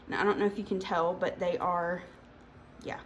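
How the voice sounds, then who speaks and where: A woman's voice: lowish voice, level tone, normal speed, slight background noise, rough recording. A young woman hosting her own cooking channel, chatting casually through a grocery haul in her home kitchen. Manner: chatty, rambling, with fillers and asides.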